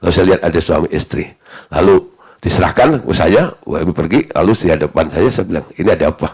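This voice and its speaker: A middle-aged Indonesian male pastor preaching with lively storytelling, often mimicking the voices of people in his anecdotes. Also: low-pitched, fast, vocal fry, breathy edge. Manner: animated, mimics voices in anecdotes, frequent "ya" and "nah". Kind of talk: sermon with storytelling.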